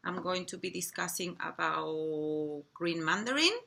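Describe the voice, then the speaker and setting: A woman from Chile with a Chilean Spanish accent, chatting casually about products in a halting, friendly way with small slips. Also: fairly low pitch, gravelly, pushed and bright. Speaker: co-host.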